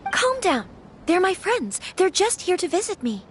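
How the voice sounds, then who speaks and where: An actress plays a gentle young noblewoman in an anime fantasy game, troubled yet firm, using soft, earnest, formal phrasing. Her voice is very high-pitched and sing-song at normal speed, with a firm, reproachful mood.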